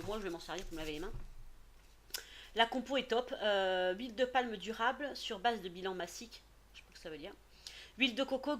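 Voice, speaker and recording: A woman's voice: fairly high pitch, noisy background. A woman in her thirties chatting casually through a product haul, with lots of fillers and restarts. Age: 30s. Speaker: beauty vlogger.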